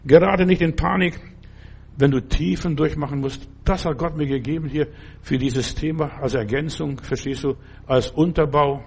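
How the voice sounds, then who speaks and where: An older man preaching a sermon, repeating his exhortations earnestly and dropping at times to a soft, slow, reassuring tone. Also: on the high side, vocal fry, a little hiss or hum.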